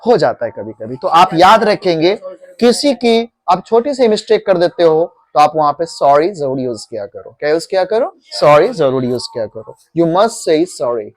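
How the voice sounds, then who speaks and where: A man's voice: a little high, very animated, moderate pace, dry recording. Male teacher, classroom lesson, repeats and quizzes, dry close sound. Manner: repeats key words and quizzes students.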